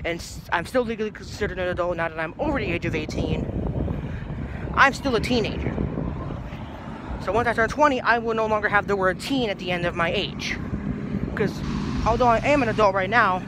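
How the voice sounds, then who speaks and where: A man's voice: high voice, brisk, long pauses, very noisy. A young man in his twenties talking casually to his phone at arm's length outdoors, rambling and easily sidetracked. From New Jersey. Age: young adult. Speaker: vlogger. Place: outdoors by a brick house in a grassy yard. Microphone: phone held low at arm's length.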